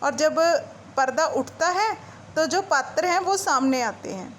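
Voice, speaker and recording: High-voiced woman explaining a textbook play. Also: animated, measured pace, slight background noise. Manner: reads a passage then retells it in casual Hindi-English mix. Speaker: teacher.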